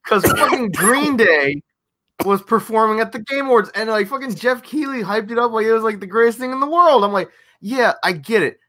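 Podcast co-host, male, bright and lively, swears freely, rants with big swings in pitch. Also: fairly quick. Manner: ranting, profane, animated storytelling. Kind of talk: casual podcast chat.

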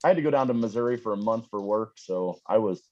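A man's voice: lowish voice, quick pace, a little mellow. Forties man, plainspoken, lo-fi audio. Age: 40s. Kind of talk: casual chat.

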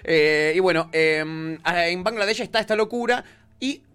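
A man with an Argentine Rioplatense accent hosts a live stream, relaxed, reading viewer comments aloud. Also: high-pitched, moderate pace, clean tone. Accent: Rioplatense Argentine Spanish. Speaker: stream host reading chat. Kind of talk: casual chat on a live stream.

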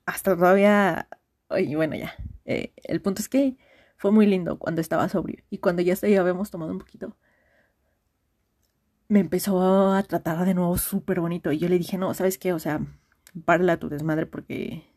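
Husky-voiced Mexican woman rambling casually. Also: fairly low pitch, fairly even intonation, moderate pace, warm tone. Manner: rambling, slangy, frequent restarts and fillers. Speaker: friend sending a voice message. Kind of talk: casual confiding story.

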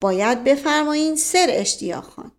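A woman's voice: high-pitched, lively intonation, voice pushed up. A witty, sly nobleman, read by a woman narrator, full of polished, mannered courtesy. It stays near her own voice in this spoken storybook. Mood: smooth.

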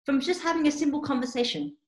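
With a high voice and a fast delivery, a young Cantonese-raised woman from Australia who studies interpreting chats casually and tells lively stories thick with fillers. A roomy echo surrounds the recording.

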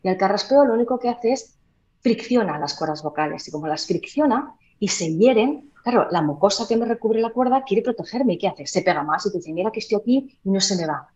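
A woman voice therapist explaining in a podcast interview, demonstrating by changing her volume and slowing down. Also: medium pitch, animated, a little mellow, lo-fi sound, a little hiss or hum. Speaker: voice therapist and trainer.

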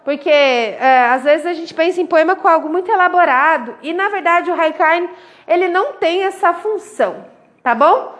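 A woman teaches a class, breaking things down step by step and sounding out syllable counts. The voice is very high-pitched and a bit bright at a moderate pace, recorded from a distance in a room with echo.

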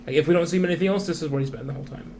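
A man with a fairly high voice talks in a loose, rambling way, swearing freely as he chats about a film. He is recorded in an echoey room with a faint hiss under the voice. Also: very fast, mellow. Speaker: podcast co-host. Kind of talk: casual movie chat.

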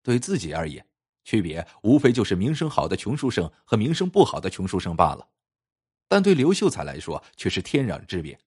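A man narrating an old folk tale in an expressive, lilting storytelling way. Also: lowish voice, fairly quick, slightly rough.

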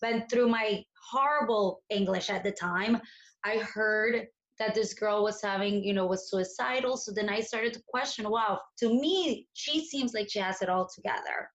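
A woman's voice: medium pitch, normal speed. Thoughtful explaining woman, from Colombia. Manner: explanatory, thoughtful, with filler "you know". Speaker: guest therapist. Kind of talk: podcast conversation.

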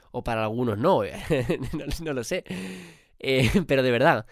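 A man's voice: medium pitch, unhurried, dry recording, clean studio sound. Spanish man with a cold, motivating. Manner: emphatic, casual swearing. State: has a cold. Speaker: podcast host. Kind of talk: motivational podcast monologue.

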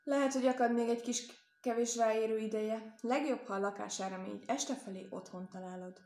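A woman's voice: on the high side, fairly even intonation, mellow, reverberant, lightly acted. A woman voicing a clever, helpful male rabbit in a storybook reading, earnest and persuasive. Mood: persuading.

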